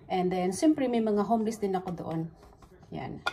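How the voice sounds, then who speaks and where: A home baking vlogger, a middle-aged woman with a Filipino accent, speaks at normal speed in a warm, medium-pitched voice, casually chatting to viewers and switching between Tagalog and English. The setting is a small home kitchen indoors, recorded on a nearby or arm's-length phone with clearly noisy sound.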